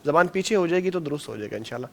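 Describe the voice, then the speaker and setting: A man with a Pakistani Urdu accent, speaking in a slightly high voice as a patient Quran recitation teacher. He corrects pupils' pronunciation calmly and encourages them kindly. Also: gravelly. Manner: gentle, encouraging, addresses pupils as "beta". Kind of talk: patient classroom instruction.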